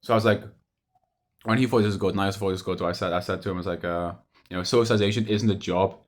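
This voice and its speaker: A man's voice: low voice, fairly even intonation, very fast. A young adult man talking casually in a rambling, hesitant monologue, repeating himself and letting thoughts trail off. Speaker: video diarist.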